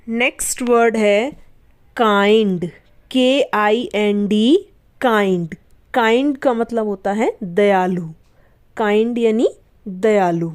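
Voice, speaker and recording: A woman's voice: fairly high pitch, darkish tone. A woman teaching English vocabulary. She spells out each word letter by letter, repeats it and asks quiz questions as she explains its meaning. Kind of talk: slow spelling-and-meaning lesson.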